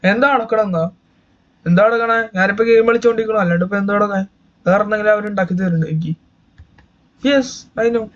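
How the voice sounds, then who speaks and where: A man's voice: sits high, quick pace, long pauses, dull audio. A young man and YouTube gamer giving chatty, joking let's-play commentary, talking to his viewers as guys.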